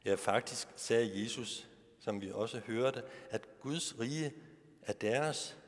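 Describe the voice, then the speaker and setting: A man preaches a sermon at a middle pitch, stopping often to ask his listeners questions. His voice rings out with the long reverb of a church hall, as a pastor addressing a congregation would. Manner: asks rhetorical questions of the congregation.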